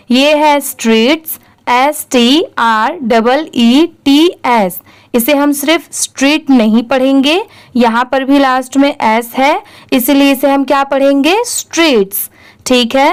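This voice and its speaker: A woman's voice: sits high, clean tone. A young woman teaching English reading in an online lesson, patiently spelling out each word letter by letter, then saying it whole, and asking the viewer questions she answers herself.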